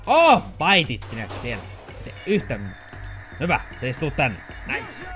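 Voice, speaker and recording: High-pitched and excitable, a man chats casually while playing a video game for a let's play. He yelps, curses and slips English phrases into his commentary.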